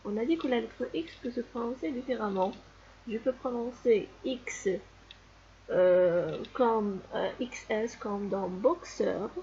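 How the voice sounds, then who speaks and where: A woman's voice: fairly high pitch, dark tone, highs cut off, slight background noise. A woman teaching a reading lesson to young children, patiently repeating each sound and word. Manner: slow, patient, repeats sounds and words for pupils. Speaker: primary school teacher.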